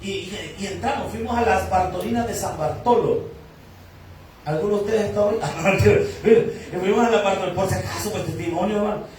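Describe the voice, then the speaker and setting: A pastor preaches a sermon in a church hall, telling a personal story and acting out the dialogue with voices. His voice sits high with a darkish tone, and he speaks briskly. The echoey recording was made distant from the mic, with a little hiss or hum.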